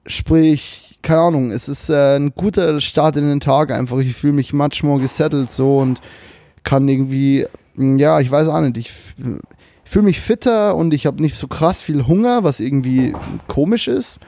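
A man's voice: a little high, normal speed, dark tone. A young man co-hosting a casual podcast, speaking loosely with slang, swearing and English words mixed in. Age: young adult. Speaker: podcast co-host. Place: remote call at a computer with webcam.

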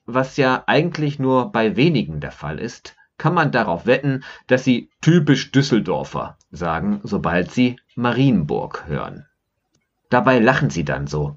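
Reading a personal essay he wrote himself, this podcaster and blogger from Germany's Rhineland tells his story with wry irony. He has a mid-range, slightly rough voice, and the audio sounds dull.

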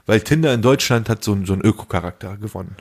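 A young man races through his words in a fairly low, darkish voice with a breathy edge. Co-hosting a podcast, he chats in slang and tells animated stories, acting out the dialogue as he goes.

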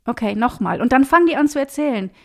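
A woman with a slightly high voice talks about teaching singing in a relaxed podcast conversation. She is lively and keeps slipping into small acted-out exchanges with her students, recorded on a podcast microphone. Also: fast talker, creaky. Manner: animated, acts out little dialogues in voices.

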